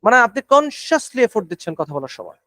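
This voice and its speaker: High-voiced man tutoring slowly. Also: wildly swooping pitch, pushed and bright, no room sound. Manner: slow, deliberate, stressing each word. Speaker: IELTS speaking tutor. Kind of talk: coaching a speaking practice class.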